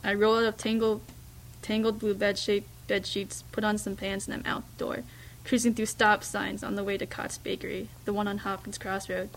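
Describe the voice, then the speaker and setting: A woman reading a first-person story aloud, in a hushed, reflective way with small slips and restarts. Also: medium pitch, level tone, moderate pace, slight background noise, rough recording. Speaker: reader.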